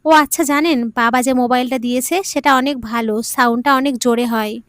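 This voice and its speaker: A childlike, innocent young bride chatters away in a bright high voice, as a woman narrator puts her on. She is playful and naive, heard in a dry, close audio-story recording. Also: a little fast, dry recording. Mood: chatty.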